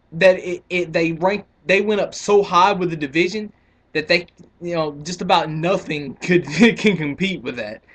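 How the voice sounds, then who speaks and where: A man in his twenties ranting casually to camera as a wrestling vlogger, argumentative and rambling with frequent restarts. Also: a little high. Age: 20s.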